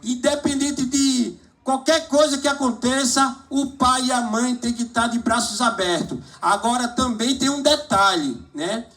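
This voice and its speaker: Man, preacher, high voice, exhorting sermon style. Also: unhurried, few pauses, a bit bright. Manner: exhorting, asking the congregation for amens. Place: church service hall.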